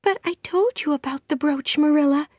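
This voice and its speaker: Woman voicing an eager high-pitched storybook orphan girl, Anne. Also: normal speed, a little mellow, no echo, clean studio sound, natural voice. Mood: pleading. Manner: earnest, pleading. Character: eager, pleading, imaginative young orphan girl. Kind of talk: storybook character voice.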